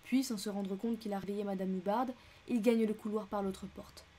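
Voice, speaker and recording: Woman reading a male railway director, brisk, insistent, impatient, mellow tone. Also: medium pitch, fairly even intonation, a little hiss or hum, lightly acted. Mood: explaining. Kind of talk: audiobook character reading.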